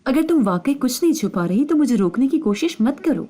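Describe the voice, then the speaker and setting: In a mellow, warm voice, a woman reading an anxious young husband and brother pushes back insistently. He sounds suspicious and set on his course, with a storybook reading's even delivery. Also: high-pitched, voice pushed up. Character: male narrator's brother, anxious, determined man.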